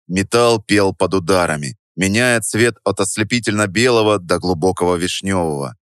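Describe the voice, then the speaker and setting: A male audiobook narrator telling a first-person story in an even, steady manner. His voice is fairly low, and the recording is dry and close, with no room sound. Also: smooth, dry recording.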